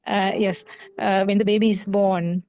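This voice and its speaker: A woman speaking hesitantly over a group video call, taking her turn in a discussion and pausing often with filler sounds. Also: medium pitch, little pitch movement, a little mellow, no echo. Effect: heard over a group video call. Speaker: discussion participant.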